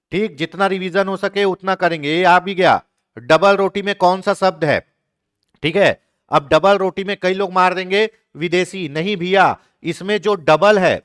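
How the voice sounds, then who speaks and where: A male teacher giving an exam-prep grammar lesson, asking the class questions, answering them himself and repeating key words slowly. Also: sits high, fairly bright tone, clear, resonant tone.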